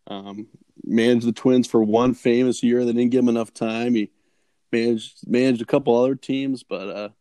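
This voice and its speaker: A man's voice: medium pitch, fairly even intonation, normal speed, warm tone, dry recording. Rambling male storyteller, filler-heavy, dry studio sound. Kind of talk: casual chat, storytelling.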